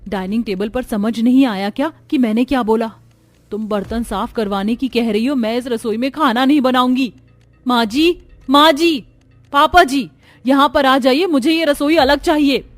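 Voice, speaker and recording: A woman's voice: a little high, moderate pace, a little mellow, no echo, soft background music, natural voice. A woman voicing a proud, easily offended elder daughter-in-law in a cartoon story, speaking emphatically. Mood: indignant. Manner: indignant and emphatic. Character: elder sister-in-law, strict vegetarian, touchy and indignant young wife.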